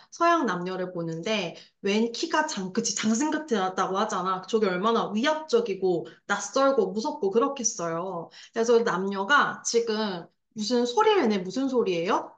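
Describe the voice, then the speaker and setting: A woman teaching a literature lesson online, explaining a story passage in a lively way, acting out scenes and chatting aside with her students. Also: medium pitch, reverberant. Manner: lively, acts out scenes with sound effects and voices. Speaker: Korean language teacher.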